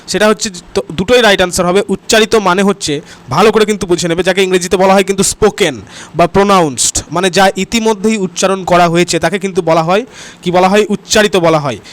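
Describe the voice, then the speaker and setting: Quick, high-voiced Bengali grammar teacher. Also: male voice. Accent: West Bengal Bengali. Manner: repeats "ঠিক আছে?" and "next question" as checks and cues; talks straight to the students, urging comments and likes. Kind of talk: online exam-prep class.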